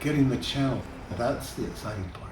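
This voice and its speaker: A man's voice: medium pitch, a little fast. A man in his seventies speaking candidly and with some amusement in a documentary interview. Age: 70s. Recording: roomy and distant with background noise.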